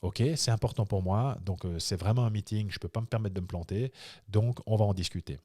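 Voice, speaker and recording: A man's voice: on the low side, fairly quick, dark tone, no echo, studio quality. A man coaching in a video workshop, talking with many fillers and repeated words, and acting out example inner thoughts. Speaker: life coach.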